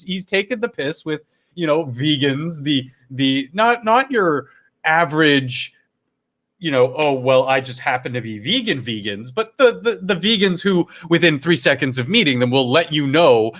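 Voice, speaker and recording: This is a middle-aged man from Canada running his own live stream and riffing on the news. His voice sits a bit high and jumps all over the place as he gets worked up. He swears freely and talks in a loose, unscripted way. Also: measured pace. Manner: animated, swears and laughs at the news. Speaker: livestream co-host. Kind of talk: casual live-stream commentary. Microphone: earphones on a home streaming setup.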